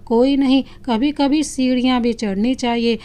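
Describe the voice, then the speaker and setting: A woman's voice: high voice, fairly even intonation, moderate pace, warm tone, clear, resonant tone, natural voice. A woman voicing a loving, playful young husband who teases his wife affectionately, in a storybook reading. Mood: teasing. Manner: teasing, affectionate.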